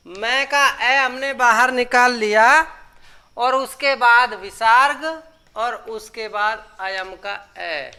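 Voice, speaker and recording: A woman teaches grammar at an unhurried pace, walking through each rule step by step. Her voice is bright, smooth and clear, sitting a little high, and she pauses now and then to ask the class whether it has followed. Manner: explains step by step, often asks the class if it is understood. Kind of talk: classroom lecture.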